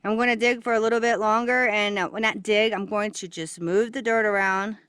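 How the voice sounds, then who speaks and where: A woman, vlogging outdoors into a handheld camera, excitable and chatty as she talks straight to viewers. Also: medium pitch, a little fast, clear, resonant tone, dry recording. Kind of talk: casual outdoor vlog narration. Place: outdoors at a dig site.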